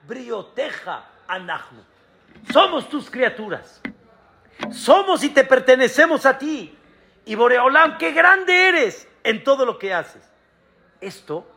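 A man preaches as a rabbi in a strikingly high, bright voice with a gravelly edge. His sermon moves at an unhurried, deliberate pace, full of emphatic rhetorical questions to the congregation.

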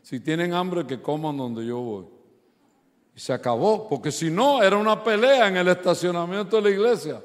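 A man preaching a sermon, telling funny stories about his family and acting out the voices in them, and building to loud, forceful preaching. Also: high voice, moderate pace. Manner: animated storytelling, acts out quoted voices, rises to loud preaching. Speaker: pastor. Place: church sanctuary. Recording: long hall reverb.

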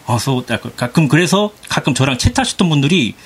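A man's voice: fairly high pitch, expressive, a little fast, breathy edge. A man in his thirties chatting casually on a gaming podcast, rambling with fillers and restarts. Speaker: podcast panelist. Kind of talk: casual chat.

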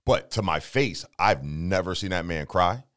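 A man with a low, deep voice tells personal stories in relaxed conversation. He rambles, leans on filler words and swears freely. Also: a little slow. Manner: rambling, profane, lots of "like" and "you know what I'm saying". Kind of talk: casual storytelling chat.

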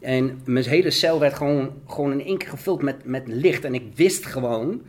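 A man from the Netherlands giving an emotional, fervent testimony as an interview guest. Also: mid-range voice. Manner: earnest, fervent, fast and repetitive.

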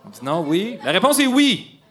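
A man's voice: high-pitched, big pitch swings, moderate pace, a bit bright. A man with a Quebec French accent hosting a playful quiz on air, teasing and laughing between questions. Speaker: radio quiz host.

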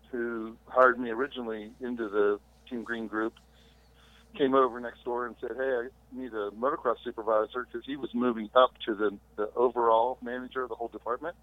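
A middle-aged man calling in remotely as a podcast guest, recalling his career in a relaxed, rambling way with fillers. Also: medium pitch. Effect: heard over a remote phone call. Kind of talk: casual interview storytelling. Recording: tinny dry phone-line audio.

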